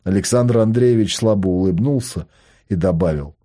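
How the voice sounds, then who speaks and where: A man narrating a novel in steady, plain storytelling. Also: on the low side, moderate pace. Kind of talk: audiobook narration.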